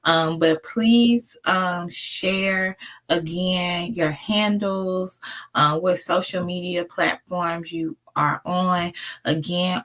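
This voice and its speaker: A woman's voice: on the low side, a bit bright. A woman with a Mississippi Southern accent hosting a casual live doula talk, speaking in an encouraging, emphatic, conversational way. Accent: Mississippi Southern American. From Mississippi, United States. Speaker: host of a doula talk show. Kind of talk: casual live interview chat.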